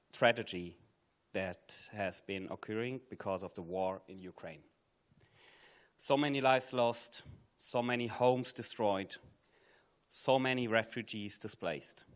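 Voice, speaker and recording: A man delivering a formal, prepared podium speech to a room in a solemn, measured manner. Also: mid-range voice, a bit bright. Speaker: guest speaker from a sports organisation. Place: live at the front of a press conference room.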